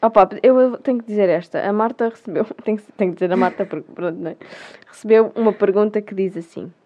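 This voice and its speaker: A woman's voice: medium pitch, fast talker, dull audio. A young woman with a European Portuguese accent, co-hosting a casual chat and telling stories with frequent laughter. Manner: chatty storyteller, laughs often. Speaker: podcast co-host.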